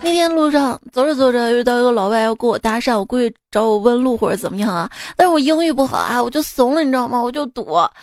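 A young woman from Xi'an hosting a comic podcast, telling jokes in a playful, animated way and slipping into local dialect for punchlines. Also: fairly high pitch, fast talker, few pauses, no room sound. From Xi'an, China. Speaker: radio comedy podcast host. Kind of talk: scripted comic storytelling. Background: background music.

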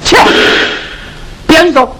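A Sichuan opera performer playing a sharp-tongued teahouse keeper who mocks a poor scholar, scolding in a Sichuanese accent. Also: lightly acted. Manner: scolding, teasing, drawn-out sing-song delivery. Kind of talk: Sichuan opera stage acting, spoken and sung. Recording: hissy old opera film soundtrack.

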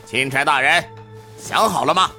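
A male storyteller voicing a cornered villain in a spoken martial-arts story, with a gravelly, husky voice and threats spat out in sharp bursts. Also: a little high, moderate pace, soft background music, pitched above the performer's own voice. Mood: threatening. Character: cornered villain man, snarling and desperate.

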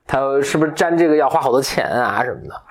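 A delicate young porcelain shepherdess, put on by a man retelling a fairy tale, pleads in a thin, high wail. She frets and begs like a pampered girl, her voice pushed well above a man's natural register. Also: lively intonation, quick pace, breathy edge. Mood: fretful.

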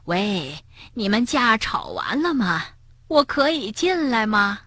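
A woman voicing a kind, gentle old grandmother bear in a children's storybook, speaking softly and soothingly. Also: sing-song, slow pace, no room sound, clean studio sound, heavily acted. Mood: gently teasing. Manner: soft, soothing, lowered voice.

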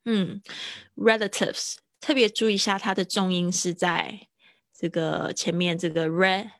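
A woman's voice: fairly low pitch, fairly even intonation, normal speed, no room sound, clean studio sound. A woman English teacher, giving a live-streamed lesson in a chatty, patient way with frequent laughter.

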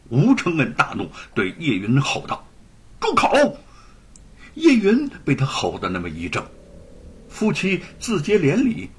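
A man narrating a serialized story in an expressive, dramatic storytelling manner. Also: medium pitch, breathy edge. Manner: expressive, swings between loud and hushed.

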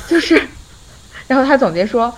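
A woman's voice: sits high, normal speed, slight background noise, low-quality recording. A young adult woman hosting a podcast, telling a friend's story in a casual chat and often breaking into laughter. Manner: lively, often breaks into laughter while retelling. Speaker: podcast host.

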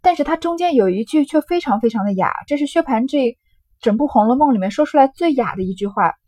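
Unhurried woman lecturing, dry sound. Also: high-pitched, lively intonation, dark tone, no room sound. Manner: unhurried, many fillers. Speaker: literature lecturer. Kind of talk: lecture on classical fiction.

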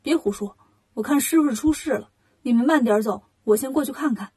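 A woman voicing a clever, cocky monkey king in a storybook reading, speaking briskly and teasingly. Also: sits high, dark tone, slightly rough.

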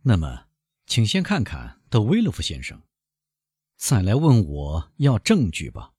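A man's voice: fairly low pitch, huge pitch swings, unhurried, a little mellow, husky, no echo, studio quality, heavily acted. A man voicing a defiant young male prisoner on trial, bitter and mocking as he speaks to the court.

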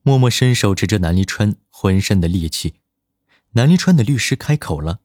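Brief: male audiobook narrator, low, steady, dry close mic. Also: normal speed, no echo.

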